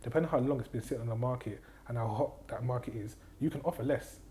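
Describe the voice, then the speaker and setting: A man talks quickly and confidently in a casual podcast chat, sharing advice on investing. His voice is dark and mellow, and he often repeats his points and asks whether you follow him. A faint noise sits under the recording. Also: mid-range voice. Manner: confident, advisory, repeats key phrases; checks in with "do you get what I mean". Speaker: guest, property investor and trainer.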